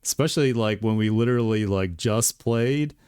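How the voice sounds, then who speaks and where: A man's voice: on the low side, normal speed, a little mellow, clear, resonant tone, dry recording, studio quality. A man streaming his digital art and chatting casually, laid-back and rambling, with lots of laughter and filler words. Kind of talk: casual chat while drawing on stream. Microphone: desk mic with webcam.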